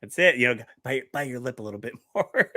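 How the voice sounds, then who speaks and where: A man's voice: medium pitch, lively intonation, a little fast, sharp tone. A man co-hosting a casual podcast, rambling and laughing as he loses his train of thought. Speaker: podcast co-host. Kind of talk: casual chat.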